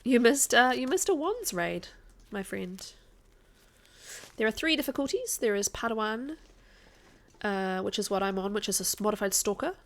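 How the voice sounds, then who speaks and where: Woman, mild Kiwi accent, mid-pitched voice, casual game streamer, chatty, jokey. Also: lively intonation, moderate pace. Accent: mild New Zealand. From New Zealand. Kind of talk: casual livestream chat over gameplay.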